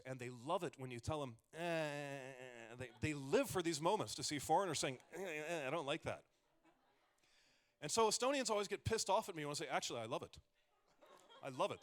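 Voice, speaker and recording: A comedian from the US, in his forties, chats casually onstage, restarting rambling thoughts and tossing in joking asides. His voice sits on the high side and sounds a bit bright.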